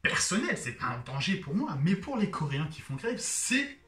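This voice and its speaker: A man's voice: high-pitched, sing-song, moderate pace, fairly bright tone, reverberant, distant mic, soft background music. A man from France explaining things in a slangy, joking vlog with lots of fillers. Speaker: YouTuber explaining Korean society.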